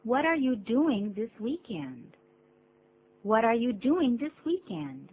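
A woman co-teaching a radio English lesson, reading model sentences clearly and repeating each. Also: fairly high pitch, very animated, slow pace. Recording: tinny phone-like radio recording with faint hum.

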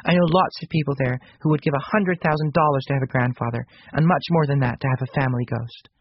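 A man's voice: mid-range voice, fast, muffled recording, slight background noise, pitched above the performer's own voice, close to an everyday voice. A man voicing an earnest, clever little girl in a storybook reading, prim and matter-of-fact. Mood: scornful. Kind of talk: audiobook reading.

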